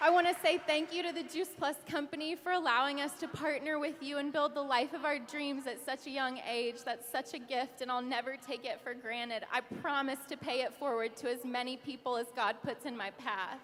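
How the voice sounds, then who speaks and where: A woman's voice: sits high, steady tone, a little fast, hardly any pauses, a bit bright, a faint crowd. A young woman in her twenties giving a heartfelt, emotional recognition speech on stage, sometimes laughing through tears. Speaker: award speaker. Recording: reverberant hall with audience.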